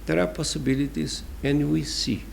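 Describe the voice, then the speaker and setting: A man with a Brazilian accent answering interview questions as a diplomat, explaining deliberately and emphatically with pauses. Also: fairly high pitch, steady tone, gravelly, a little hiss or hum. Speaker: ambassador giving an interview.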